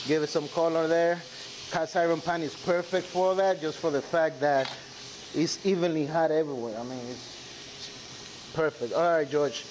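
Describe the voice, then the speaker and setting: Dominican-accented male chef, slightly high voice. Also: fairly even intonation, normal speed, a little mellow, poor audio. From Dominican Republic. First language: Spanish. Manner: chatty, addresses viewers and crew directly. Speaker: chef hosting a live cooking class. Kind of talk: casual cooking demonstration. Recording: clear sizzling and kitchen noise.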